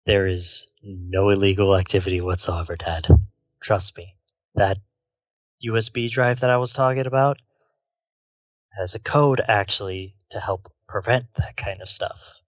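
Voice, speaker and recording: A man playing a tabletop game in character, speaking calmly and matter-of-factly. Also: low voice, measured pace, no echo. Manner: calm, reassuring, matter-of-fact. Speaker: player. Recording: dull lo-fi dry mic.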